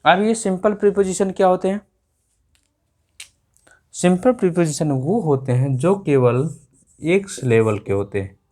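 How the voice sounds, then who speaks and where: A man's voice: high voice, animated, unhurried, pauses often, mellow. A male explaining grammar in a classroom lesson, repeating each point back as a question to his students. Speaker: English teacher.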